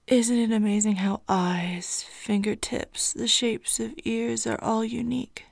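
A woman voicing a seductive, predatory female succubus, speaking in breathy, taunting whispers close to the microphone. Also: on the low side, a little mellow, no echo. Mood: teasing, sultry. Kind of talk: whispered erotic audio roleplay.

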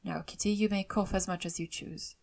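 A woman voicing a dry, teasing middle-aged father in an audiobook of a classic novel, speaking in a measured, formal, ironic way. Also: medium pitch, steady tone, creaky, a little mellow. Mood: wry.

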